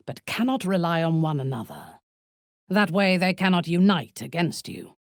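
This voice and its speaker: A woman voices a proud, ruthless, seductive aristocratic villain for a video game, delivering lines in an imperious, deliberate, softly menacing way. Her voice is low, husky, breathy and exaggerated, recorded at studio quality with no echo.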